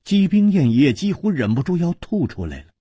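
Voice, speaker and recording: Male radio storyteller, husky and deep, very animated delivery. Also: a little fast, dry recording, studio quality. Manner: sweeping dramatic swings in pitch and loudness. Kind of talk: dramatic radio novel reading.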